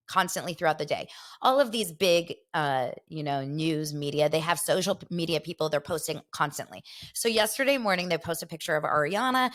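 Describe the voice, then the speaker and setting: Gossip flows freely as a young podcast host from LA reads viewer comments and chats animatedly in a casual setting. She has a fairly bright voice that falls on the low side.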